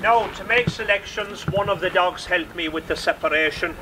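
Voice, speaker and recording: A man's voice: high-pitched, normal speed, distant mic. A man explaining a live sheepdog demonstration to spectators outdoors, in an instructive way. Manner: explanatory, rhetorical questions. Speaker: sheepdog trainer and presenter. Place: outdoors at a sheep dog trial. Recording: very noisy outdoor recording.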